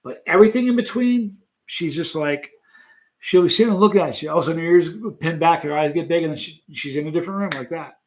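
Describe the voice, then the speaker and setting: A man in his late fifties, the host of a live stream, chatting casually and reading viewer comments, animated and laughing often. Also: on the high side, quick pace. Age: 50s.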